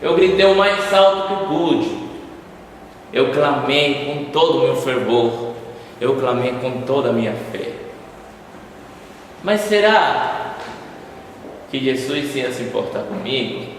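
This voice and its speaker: A man with a Brazilian accent preaching a sermon as a first-person dramatic monologue. His theatrical storytelling moves from hushed lines to loud pleading cries. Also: medium pitch, takes it slowly, long pauses, a little hiss or hum. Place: church sanctuary. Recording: echoey church hall, distant mic, faint ambience.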